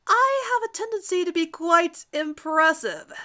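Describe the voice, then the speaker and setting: Woman as smug teen heartthrob Alejandro, animated. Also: very high-pitched, measured pace, pitched above the performer's own voice, heavily acted. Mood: smug, teasing.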